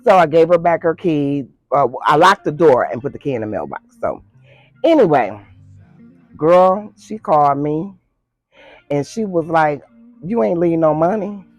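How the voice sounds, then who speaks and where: A woman's voice: deep voice, big pitch swings, a little slow, a little mellow, dry recording, faint music behind. A woman telling a personal story to her viewers in a casual, chatty way, calling them girl and y'all. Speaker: storytime vlogger.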